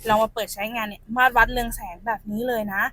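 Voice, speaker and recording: Young saleswoman, slightly high voice, chatty and familiar, outdoor car-lot walkaround. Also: level tone, fast, pushed and bright, no room sound. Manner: chatty, addresses viewers as elder sibling.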